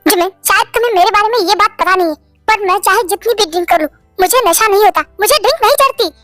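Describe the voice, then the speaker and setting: A man's voice: very high-pitched, fast, pushed and bright, no room sound, soft background music. A woman doing a teasing young male boss. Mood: earnest. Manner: playful, teasing. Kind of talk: Hindi fan-story voice acting.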